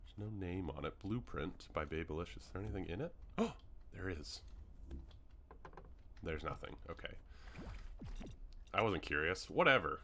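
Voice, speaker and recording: Chatty young man, lively bright voice. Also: deep voice, normal speed, long pauses, a little hiss or hum. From Canada. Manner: rambling, chatty, many ums. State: hiccups, voice starting to go. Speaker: gaming YouTuber. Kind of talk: casual gameplay commentary.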